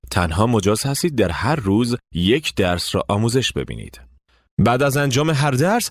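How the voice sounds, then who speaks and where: Man, lesson narrator, low voice, lively intonation, dry close recording, step-by-step instructions. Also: dry recording. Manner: clear, explaining step by step with spoken prompts to repeat. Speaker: English teacher narrating the course.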